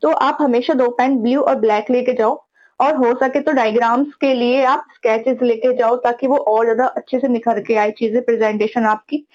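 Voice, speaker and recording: A woman's voice: a little high, fairly even intonation, moderate pace, a little mellow. A woman teaching students how to write exam papers, talking casually and frankly, scolding a little and often adding "theek hai". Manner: frank, scolding, repeats "ठीक है". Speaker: teacher giving exam tips. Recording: dull lo-fi recording.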